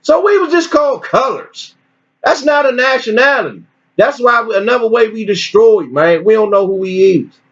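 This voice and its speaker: A man teaching informally and reading articles aloud with his own commentary, in an animated, preachy way with repeated phrases. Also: very high-pitched, moderate pace. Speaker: religious teacher. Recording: dull lo-fi recording.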